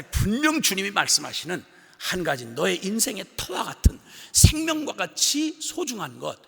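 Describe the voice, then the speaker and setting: A middle-aged man preaching a sermon at a large revival assembly, telling funny stories with sudden loud outbursts. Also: high voice, creaky, husky. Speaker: missionary preacher. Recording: long reverb of a big hall.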